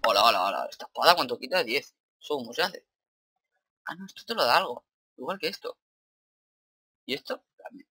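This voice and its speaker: A young man from Spain with a Spanish accent, commentating his Minecraft play in an excitable, swearing, thinking-aloud way. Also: mid-range voice, brisk, pauses often, husky, no echo. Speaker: gaming YouTuber.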